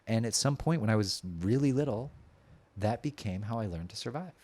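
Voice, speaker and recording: A man's voice: lowish voice, expressive, a little fast, warm tone. A man as a podcast guest in casual conversation, talking openly and reflectively with many filler words.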